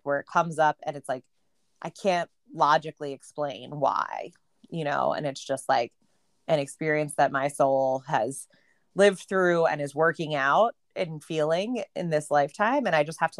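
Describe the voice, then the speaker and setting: Low-voiced reflective woman co-host. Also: moderate pace, no echo, clean studio sound. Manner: reflective, heavy use of "like". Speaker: podcast co-host. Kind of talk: casual spiritual chat.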